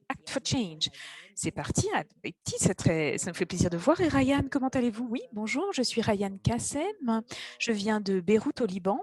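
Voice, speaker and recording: A woman giving live interpretation of an online event's host and panelists, halting now and then with fillers as she keeps pace. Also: mid-range voice, a little mellow, slightly rough. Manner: halting, with fillers and restarts while keeping up with speakers.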